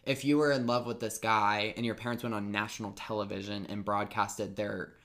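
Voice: medium pitch, flat delivery, a little fast, a bit bright. A podcast co-host in casual chat, talkative and swearing, full of "like" and restarts. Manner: chatty, lots of "like" and restarts, swears.

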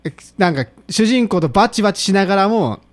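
A man's voice: high-pitched, lively intonation, a little fast. A man, co-hosting a casual podcast chat, rambling through his speculation with frequent laughs. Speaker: podcast co-host.

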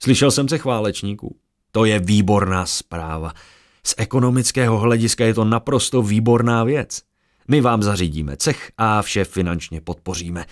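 A man voicing a young, greedy, slick squire who works crowds like a showman. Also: natural voice. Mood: smooth. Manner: loud barker-style pitching.

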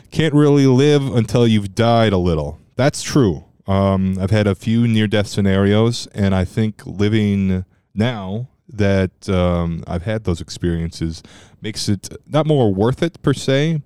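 A man hosting a casual solo podcast, rambling and loose with profanity, with a strong loud voice that can turn monotone. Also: lowish voice, clear, resonant tone, no room sound. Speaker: podcast host. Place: room at home.

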